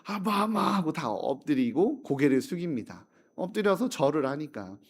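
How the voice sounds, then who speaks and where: A male pastor preaching from a church pulpit. His voice sits a bit high, and he tells the story dramatically, rising loud and falling quiet. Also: big pitch swings, moderate pace. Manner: dramatic storytelling, wide swings in loudness. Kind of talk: sermon. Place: church sanctuary.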